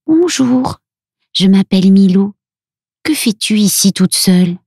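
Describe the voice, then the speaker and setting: A woman's voice: medium pitch, animated, measured pace, a little mellow, husky, no echo, studio quality, pitched above the performer's own voice. A woman voicing Milo, a shy little male Christmas elf who speaks hesitantly, in a storybook reading. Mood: gentle. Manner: hesitant, stammering.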